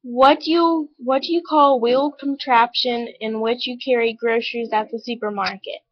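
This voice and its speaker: A woman's voice: a little high, fairly even intonation, normal speed, slightly rough. A woman from Oklahoma with an Oklahoma accent, casually reading out a word list for a webcam challenge and correcting herself as she goes. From Oklahoma, USA. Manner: reads words aloud, self-correcting chatter. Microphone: webcam mic. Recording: lo-fi webcam audio.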